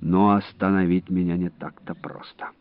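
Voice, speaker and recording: A man narrating a story in a lively, expressive reading voice. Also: low-pitched, moderate pace, dry recording. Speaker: audiobook reader. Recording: dry, phone-like narrow sound.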